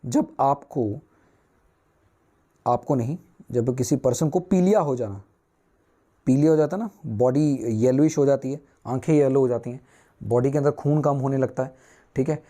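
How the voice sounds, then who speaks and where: A man's voice: mid-range voice, normal speed, pauses often, dark tone. A man teaching newspaper vocabulary, asking and answering his own questions at a whiteboard.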